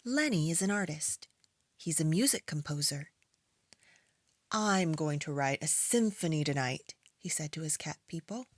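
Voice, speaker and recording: A woman reading aloud to young children as a preschool storytime host, in an expressive storytime voice. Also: deep voice, no room sound. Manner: storytime voice, slow and expressive with acted animal and object sounds.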